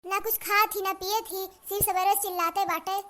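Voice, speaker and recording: A very high, bright, whiny village girl, voiced by a woman in a cartoon. She pleads and frets in a rural eastern Uttar Pradesh accent. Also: steady tone, normal speed. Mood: worried. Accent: eastern Uttar Pradesh rural dialect. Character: young village daughter Lalki, anxious over cows. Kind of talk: cartoon voice acting.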